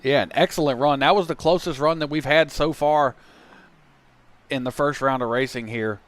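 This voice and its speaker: A man doing play-by-play commentary from a booth at a motorsport event, chatty and getting excited when trucks crash. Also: mid-range voice, normal speed. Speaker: race commentator. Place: commentary booth at a fairground track.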